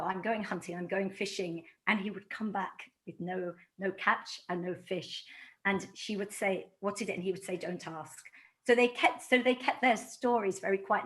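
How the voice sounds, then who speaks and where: A middle-aged woman from London speaks as an author addressing a community audience. Her voice sits at an ordinary middle pitch. She tells her stories with animation and slips into the voices of the people she quotes. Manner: animated storytelling, acts out quoted dialogue. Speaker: author giving a talk.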